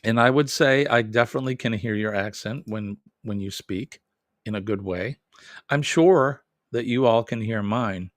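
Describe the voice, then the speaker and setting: Fairly low-pitched and at normal speed, a Boston-accented man from New England talks in a studio-quality recording with no room sound. Hosting a relaxed live stream, he reads viewers' comments, drifts from point to point, revises what he says and laughs often.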